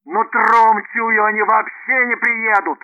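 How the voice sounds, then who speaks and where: Frantic, rude businessman, voiced by a man, shouting in a bright, tense, dry voice. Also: high-pitched, level tone, slow pace, no room sound, muffled recording, voice pushed up, heavily acted. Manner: shouting, desperate, exasperated. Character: panicking middle-aged male businessman, rude and frantic.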